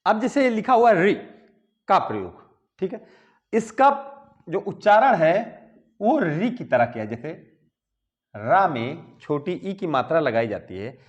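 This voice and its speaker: A man with a fairly high, expressive voice teaches Hindi grammar at a board. He explains slowly, step by step, and checks in by repeating "ठीक है" ("okay") between points.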